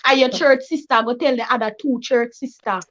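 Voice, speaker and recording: A woman's voice: high voice, a little fast, a bit bright, dull audio. A Jamaican woman in her forties on a panel, earnestly telling her own story. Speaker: panel guest. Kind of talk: personal testimony on a panel.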